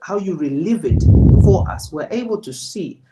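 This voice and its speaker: A man giving a presenter spoken feedback as a public speaking coach, in a measured, emphatic, deliberate way. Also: sits high, animated, heavy background noise.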